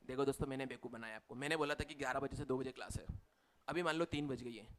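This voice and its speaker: Bright-voiced Indian commerce teacher. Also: male voice, mid-range voice, rapid-fire. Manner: chatty, teasing, mixes Hindi with English terms. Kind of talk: live class revision lecture.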